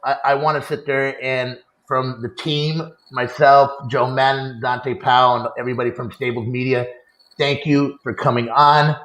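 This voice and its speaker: A man's voice: medium pitch, flat delivery, normal speed, a bit bright. A man hosting a show with casual sports talk, recorded in a room. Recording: echoey room sound.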